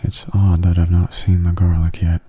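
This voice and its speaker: A video game streamer murmurs his gameplay commentary in a soft ASMR style, his low voice very mellow and husky. The melody stays even and narrow, his pace is normal, and he keeps things hushed, often drifting into a whisper.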